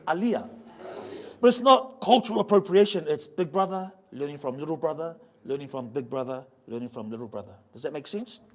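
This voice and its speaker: A man whose voice is on the high side, with lively intonation, speaks at a museum talk venue about ocean voyaging heritage. He keeps things playful and joking, slowly sounding out words for the live audience to repeat.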